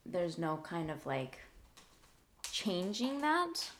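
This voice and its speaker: A young woman from Canada chatting casually, slow and thoughtful with many fillers. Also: on the low side, sing-song, slight background noise. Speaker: conversation card game player. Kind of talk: casual chat.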